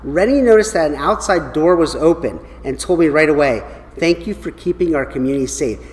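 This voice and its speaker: A man's voice: on the high side, expressive, brisk. An American man giving school morning announcements and reading out student awards, speaking directly and encouragingly to children. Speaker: school principal or staff announcer. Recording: reverberant hall with background noise.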